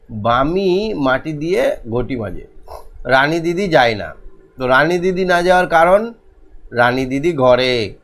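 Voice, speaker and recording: A male teacher, giving an online lesson to young children, talking slowly and repeating each question. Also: mid-range voice. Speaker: primary school teacher, channel host.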